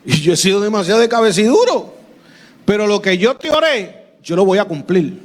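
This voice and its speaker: A man preaching his testimony as a pastor, with a Puerto Rican accent, growing fervent and breaking into shouts. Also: sits high, big pitch swings, normal speed. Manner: addresses listeners as "mi amado" and "iglesia".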